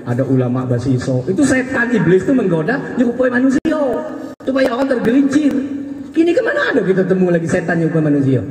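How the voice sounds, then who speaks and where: Preacher telling jokey stories. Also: male voice, high-pitched, wildly swooping pitch, fast talker, darkish tone. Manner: jokey, acts out voices in his stories. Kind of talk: humorous sermon storytelling. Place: large hall at a religious gathering. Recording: echoey hall, distant mic, faint background noise.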